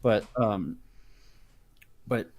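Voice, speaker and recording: A man's voice: on the low side, drawn-out words, a little mellow. A man chatting casually over a card game in a rambling, sweary, informal way.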